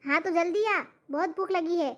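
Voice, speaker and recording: A woman's voice: extremely high pitch, moderate pace, fairly bright tone, dull audio. A woman playing a greedy, demanding old mother-in-law who keeps bossing her daughter-in-law about food. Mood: impatient. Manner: nagging, bossy.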